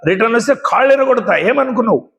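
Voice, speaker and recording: A man's voice: extremely high pitch, expressive, fast, creaky, a bit bright, long reverb tail, full character voice. A man doing a boastful, threatening frog. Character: arrogant little frog bragging about its coin.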